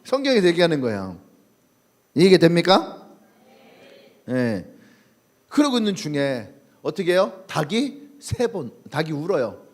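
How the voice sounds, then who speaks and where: Animated male pastor preaching. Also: fairly high pitch, measured pace, pauses often. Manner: animated storytelling, acting out quoted voices. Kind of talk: sermon. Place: church sanctuary.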